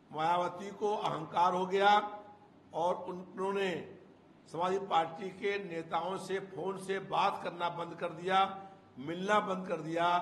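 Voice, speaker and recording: An older man, a party spokesman, giving an emphatic, measured political statement into a handheld press mic indoors. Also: high voice, a bit bright. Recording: echoey room with faint noise.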